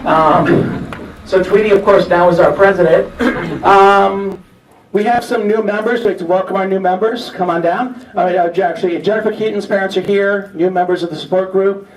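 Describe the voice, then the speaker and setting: A man's voice: high voice, steady tone, moderate pace. A man acting as emcee, delivering a teasing, off-the-cuff comic monologue to a gathering. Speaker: auctioneer and event emcee. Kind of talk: joking opening monologue to a gathering. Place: large room at an event, audience behind. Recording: echoey hall, distant mic, audience noise.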